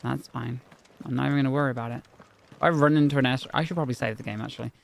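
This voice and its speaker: A man's voice: mid-range voice, racing, gravelly, a little hiss or hum. A man streaming a video game, chattering casually to himself, grumbling and swearing as he plays. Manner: animated, grumbling, swears often, talks to himself. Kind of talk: casual live-stream commentary.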